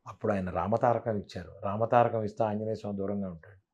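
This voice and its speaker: A man's voice: fairly low pitch, fairly even intonation, fast, a little mellow, highs cut off. A man speaking as a spiritual teacher in a devotional interview, emphatic and preachy, asking many rhetorical questions.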